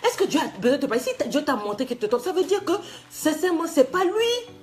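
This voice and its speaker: Animated high-voiced woman coach scolding. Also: fast talker. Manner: scolding, mocking, laughing, mixes in English phrases. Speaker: life coach. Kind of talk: animated motivational talk.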